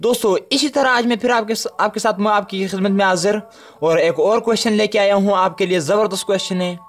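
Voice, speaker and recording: A man with a Pakistani Urdu accent teaching English letter sounds in a casual spoken lesson, chatty and addressing viewers as friends, repeating each letter slowly and drawn out. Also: sits high.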